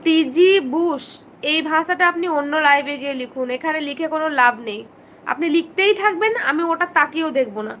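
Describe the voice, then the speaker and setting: A woman's voice: high voice, lively intonation, a little fast, a bit bright, slight background noise, poor audio. A woman hosting a casual live stream, reading viewers' comments aloud, greeting them by name, pleading for subscribers and likes and firmly scolding rude ones.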